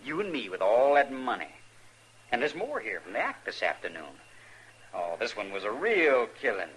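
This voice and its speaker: A cocky, menacing young gunman in an old radio drama. His voice is bright and swings widely in pitch as he sneers and threatens. A faint broadcast hiss runs underneath. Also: very animated, moderate pace, poor audio. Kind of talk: 1950s radio drama acting.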